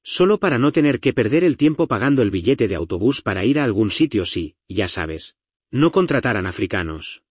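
A man's voice: medium pitch, very animated, fairly quick, slightly rough, dry recording. A man from the United States teaching a Bible lesson in an explanatory, conversational way with frequent asides. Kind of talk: lecture.

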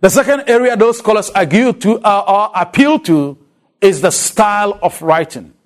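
A man from Ghana lectures on one of the Bible's letters, asking his listeners rhetorical questions in his Ghanaian-accented English, which isn't his first language. His voice sits high, and he talks at normal speed.

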